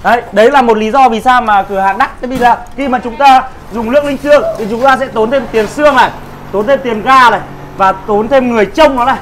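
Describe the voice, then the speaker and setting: In a casual food vlog, a man with a very high, slightly bright voice talks fast as he chats with friends and explains his restaurant's dishes. He's indoors in a busy restaurant kitchen, with crowd chatter behind him and a faint hiss or hum on the recording.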